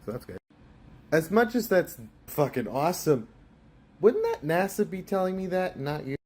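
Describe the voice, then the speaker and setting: A man voicing a comedy cartoon with brash, sweary, quick-fire banter. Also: on the high side, huge pitch swings, darkish tone, breathy edge. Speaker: animator voicing his own comedy cartoon.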